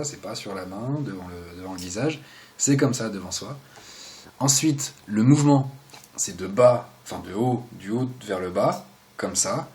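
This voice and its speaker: A young man giving a casual, joking video lesson, explaining step by step and often trailing off into quiet asides. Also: lowish voice. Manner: chatty, joking asides, drops to quiet mumbles. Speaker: video host teaching sign basics.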